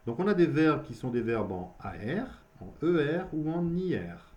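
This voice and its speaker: Man teaching Spanish, lively patient explainer. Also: on the high side, muffled recording. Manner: explains in French, models Spanish slowly, checks with "ok?". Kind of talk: beginner grammar lesson.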